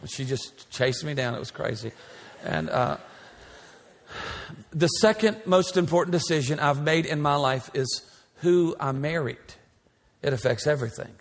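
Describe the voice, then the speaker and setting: A man's voice: a little high, expressive, unhurried, pauses often. A pastor in his forties preaching a sermon in a church, with an emphatic, repetitive cadence. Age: 40s. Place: large church sanctuary. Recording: church hall reverb.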